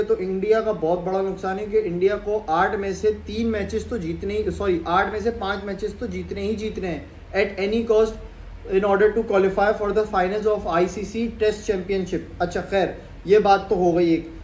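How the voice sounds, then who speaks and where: High-voiced young man chatting cricket. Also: fairly even intonation, measured pace, a little mellow. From Pakistan. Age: young adult. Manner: chatty, gestures a lot with his hands. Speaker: cricket vlogger. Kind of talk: casual cricket commentary to camera. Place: sitting on a sofa in a small room at home. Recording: echoey room with faint background hum.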